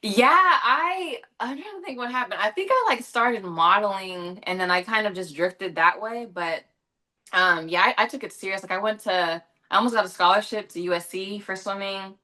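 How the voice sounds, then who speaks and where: A young adult woman from Los Angeles, an actress on as a guest, gives chatty interview answers filled with fillers and self-corrections. She speaks at a moderate pace in a medium-pitched voice with a sharp tone.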